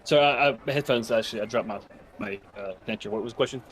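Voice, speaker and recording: A man's voice: medium pitch, quick pace, fairly bright tone, slight background noise. A man chatting casually as a player in a tabletop role-playing game.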